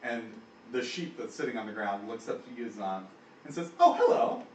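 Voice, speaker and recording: Lively game master, man, laughs a lot, far-off roomy sound with faint ambience. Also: medium pitch, moderate pace, a little hiss or hum. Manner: animated, laughing storyteller. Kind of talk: narrating a tabletop game. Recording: echoey room from far off.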